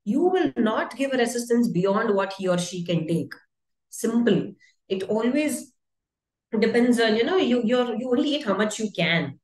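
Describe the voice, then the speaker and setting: A woman's voice: fairly high pitch, expressive, normal speed, darkish tone, reverberant, low-quality recording. A woman teaching a physiotherapy webinar in a conversational style, asking her listeners rhetorical questions as she explains. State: voice dry, briefly croaky. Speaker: physiotherapy lecturer. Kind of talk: webinar lecture.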